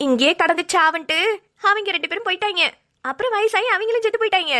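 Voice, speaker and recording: High tearful woman voicing a cartoon. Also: fast talker, pushed and bright. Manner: tearful, pleading, rural dialect. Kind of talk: melodramatic cartoon voice acting.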